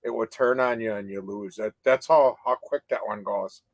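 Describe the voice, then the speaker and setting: A man's voice: lowish voice, fairly even intonation, normal speed, no room sound, rough recording. An older man co-hosting a casual live chat, rambling with restarts and frequent "you know?" tags. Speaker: co-host of a live advocacy chat.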